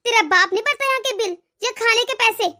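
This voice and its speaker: A woman voicing a cruel, domineering mother-in-law who taunts and threatens loudly. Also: extremely high pitch, fast. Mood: scolding. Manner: loud, sneering taunts. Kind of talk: cartoon voice acting.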